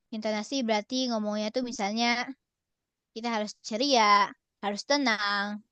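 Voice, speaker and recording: A woman's voice: on the high side, clear, resonant tone, no room sound. A young woman presenting an online workshop from a relative's home in a casual, cheerful way, often laughing and slipping in English phrases. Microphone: video call.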